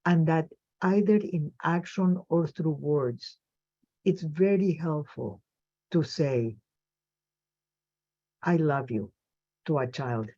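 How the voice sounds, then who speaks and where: A woman presenting a webinar talk on child development, unhurried and deliberate, often pausing to find her words. Her voice is mellow and warm. The audio is dull and lo-fi, like a computer microphone on a video call. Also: low voice. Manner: measured, thoughtful, with pauses and fillers. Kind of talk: webinar lecture.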